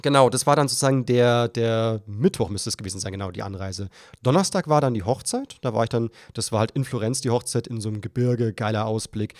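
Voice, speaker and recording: Here a young male podcast host talks at a quick pace while telling a lengthy story in relaxed conversation. He performs his own panicked voice up high, an animated storyteller, and the clean studio audio carries no echo.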